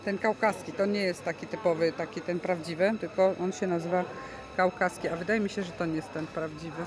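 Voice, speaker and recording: A female vlog host with a lowish voice talks fairly quickly in a steady tone, enthusiastically describing goods in a large covered market hall. She films on a handheld phone from behind it, and busy crowd noise fills the recording.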